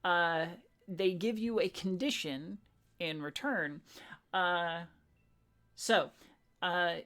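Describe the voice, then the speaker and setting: A woman game master narrating and explaining a tabletop game, halting with many pauses. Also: on the low side, fairly bright tone.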